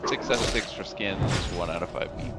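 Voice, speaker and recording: A man's voice: low voice, brisk. A man playing a game with friends, giving short callouts about his progress. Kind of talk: casual gaming chat. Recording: loud game music behind.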